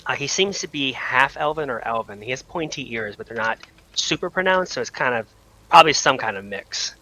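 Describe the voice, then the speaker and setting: A man narrating as game master, relaxed and full of pauses. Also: mid-range voice, rough recording. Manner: relaxed, hesitant with many ums.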